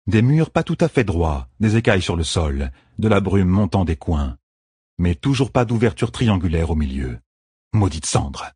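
A man narrating an audiobook chapter in a slow, measured reading. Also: on the low side, a little mellow, breathy edge, no echo, clean studio sound. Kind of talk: scripted narration.

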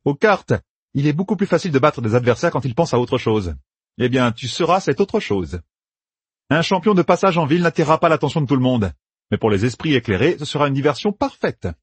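A man voicing a brash, scheming young leader in a storybook reading, talking high and loud in quick bursts of orders. His voice sits well above his own natural register and keeps a slightly husky edge in a dry, close recording. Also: lively intonation, dry recording. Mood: emphatic. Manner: bossy, emphatic, rapid-fire planning.

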